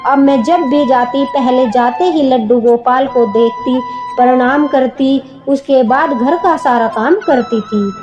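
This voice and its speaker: A woman's voice: high-pitched, unhurried, dull audio. A woman narrating a devotional story in an earnest way, speaking to her listeners as devotees. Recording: background music under the voice.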